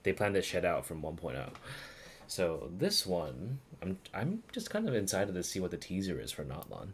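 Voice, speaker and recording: A man's voice: deep voice, huge pitch swings, normal speed, a little hiss or hum. A man streaming a video game, rambling casually with lots of fillers, swearing and laughter. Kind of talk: casual live commentary.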